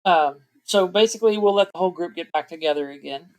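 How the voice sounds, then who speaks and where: A woman's voice: lowish voice, quick pace, darkish tone. Casual woman running a tabletop game. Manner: casual, laughs often, some stammering restarts. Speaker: game master.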